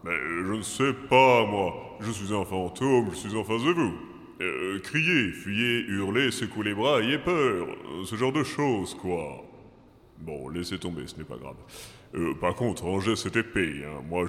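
A man voicing a weary fake ghost hiding under a sheet, with a gravelly, deep voice and a deflated, grumbling manner. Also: lively intonation, unhurried, a bit bright, exaggerated voice. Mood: exasperated.

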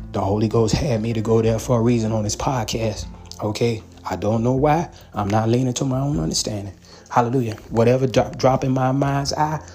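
A man's voice: mid-range voice, a little mellow. Pleading man preaching a podcast sermon. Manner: repetitive, pleading, peppered with "okay" and "hallelujah".

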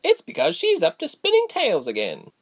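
Male narrator as gossipy young woman, very high, playful. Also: wildly swooping pitch, fairly quick, dry recording, clean studio sound, full character voice. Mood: teasing.

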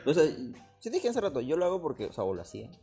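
A man's voice: on the high side, wildly swooping pitch, mellow, soft background music. A young man, co-hosting a podcast in casual, slangy chat, often laughing. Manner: fast, slangy and laughing, slips into put-on voices. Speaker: podcast co-host.

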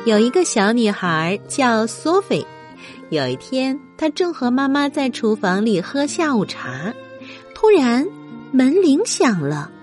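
A woman's voice: fairly high pitch, measured pace, faint music behind. A woman hosting a children's bedtime story show, narrating expressively as if speaking straight to young listeners. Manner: expressive, addresses children with questions.

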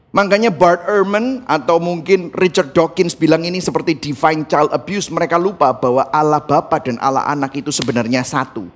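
Male pastor, high-pitched, fervent sermon delivery, speaks straight to the congregation, mixes in English. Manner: emphatic, impassioned preaching that addresses the congregation directly; mixes English words into his speech.

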